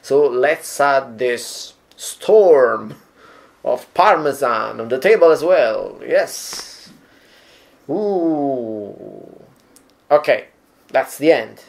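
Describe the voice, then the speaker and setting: A woman's voice: very deep voice, animated, extremely slow, gravelly. A woman with an Italian accent giving casual reaction commentary, sarcastic and mock-horrified, often exclaiming. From Italy. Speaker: reaction video host, pizza chef.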